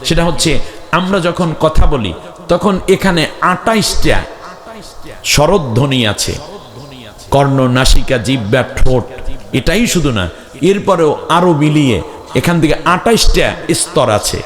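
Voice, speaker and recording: A man preaching a sermon with a voice pitched a little above the usual male range. He swings from plain storytelling into rousing, shouted calls for the crowd to repeat after him. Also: lively intonation, a little slow, long pauses. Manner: storytelling with homely examples. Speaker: Islamic preacher. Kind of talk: Bengali waz sermon with call-and-response.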